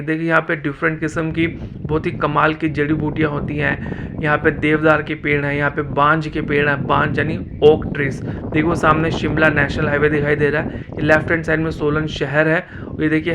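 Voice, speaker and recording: A man's voice: a little high, bright, forceful tone, slight background noise. A man from Himachal Pradesh narrating a travel vlog in a chatty way, talking straight to his viewers. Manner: chatty, addresses viewers as guys. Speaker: travel vlogger.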